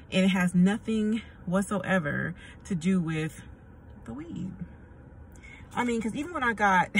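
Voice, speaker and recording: A woman's voice: fairly low pitch, gravelly. American woman chatting casually in a noisy car. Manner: blunt, slangy, conversational. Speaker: vlogger. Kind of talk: casual rambling chat to camera. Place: inside a car. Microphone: phone at arm's length. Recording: distant mic, noisy car ambience.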